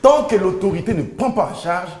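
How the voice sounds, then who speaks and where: A man's voice: high voice, a little fast, over a noisy crowd. A man speaking as a guest in a heated panel debate, emphatic and appealing to the authorities. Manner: animated, emphatic, pleads to authorities.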